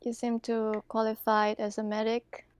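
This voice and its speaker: Speaking in character and joining the table talk, a tabletop role-player hesitates as she goes. She has a fairly high, entirely flat voice at normal speed, smooth and free of room sound.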